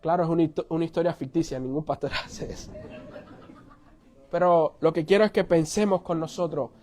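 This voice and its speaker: Male pastor, high-pitched voice; animated sermon storyteller who drops to soft, earnest tones.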